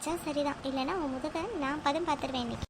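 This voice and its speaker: A woman's voice: high voice, steady tone, quick pace, heavy background noise, close to an everyday voice. A woman voicing a strict mother in a cartoon who scolds her two daughters and settles their quarrels. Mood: scolding. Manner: scolding, stern.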